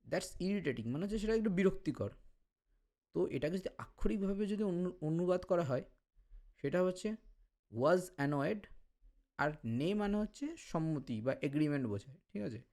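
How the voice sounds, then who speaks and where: A man explaining language study as a tutor, patient and step by step, sounding out syllables slowly. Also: fairly high pitch, lively intonation, a little mellow.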